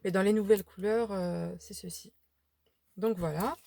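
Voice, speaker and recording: A woman's voice: medium pitch, steady tone, moderate pace, gravelly, warm tone, no room sound. A tired woman showing a craft shopping haul at home, chatting casually with many fillers and restarts. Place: home room by a window.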